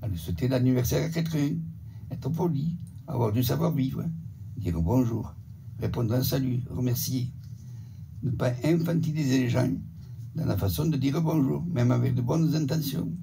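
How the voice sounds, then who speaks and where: An older man from the Montpellier area with a southern French accent, a retirement home resident reading a prepared report in a steady, measured way. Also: mid-range voice, vocal fry, a little hiss or hum. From Montpellier area, southern France. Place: retirement home, sent as a video.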